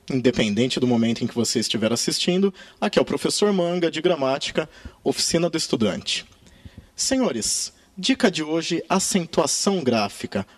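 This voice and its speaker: A man teaching a grammar lesson in Brazilian Portuguese, with emphatic, drawn-out key words. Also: fairly high pitch, dry recording.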